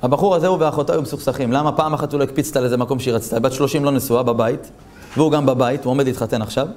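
A male rabbi giving an animated Torah talk, telling stories and asking his listeners rhetorical questions. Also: medium pitch.

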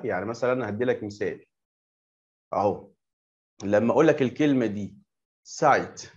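A young adult man with an Egyptian Arabic accent teaching English to young pupils, patiently repeating words and asking checking questions. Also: mid-range voice. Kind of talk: online lesson explaining to young pupils. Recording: dull lo-fi recording.

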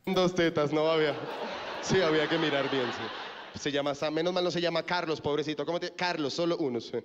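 A man performing a stand-up comedy set, telling jokes in a deadpan way. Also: a little high, brisk, highs cut off. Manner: deadpan delivery, puts on his father's voice. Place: comedy stage. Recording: echoey stage recording with loud noise.

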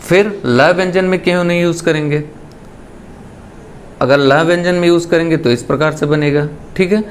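A man's voice: a little high, fairly even intonation, normal speed, slight background noise. A man teaching a shorthand lesson. He explains step by step, patiently, and keeps checking in with the listener.

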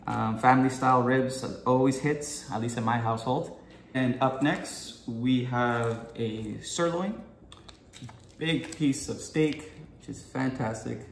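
This young male food vlogger, acting as guest host, talks to camera in a casual vlog from his home kitchen. His mid-pitched voice is chatty, upbeat and enthusiastic, dotted with plenty of "um"s, and the roomy room carries a faint hiss.

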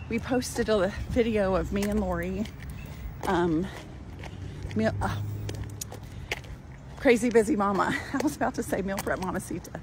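This is a casual walking vlog from a cooking channel host, an older woman who films herself with a phone held at arm's length as she crosses a parking lot. She sounds warm, chatty and encouraging in a mid-range voice, with plenty of background noise on the outdoor phone recording.

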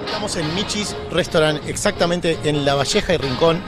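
A man's voice: on the high side, a little fast. A man presenting a TV report on a city street with a handheld mic, joking and upbeat. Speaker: TV reporter and host. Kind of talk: playful on-location TV presenting. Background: music.

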